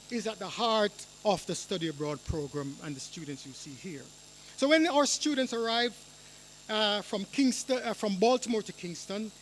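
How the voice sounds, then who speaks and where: A man giving a formal academic speech at a forum. He speaks in a measured, rhetorical way, with touches of dry humor. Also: sits high, a bit bright, a little hiss or hum, rough recording. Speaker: university professor giving a speech. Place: lecture hall or forum room.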